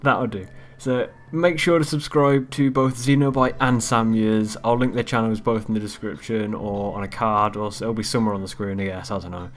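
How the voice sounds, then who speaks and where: A man's voice: fairly low pitch, fairly even intonation, moderate pace, few pauses. A man hosting his own video channel, walking through a game theory recap in an offhand, rambling way that trails off. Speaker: YouTube channel host. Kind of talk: casual narrated video outro.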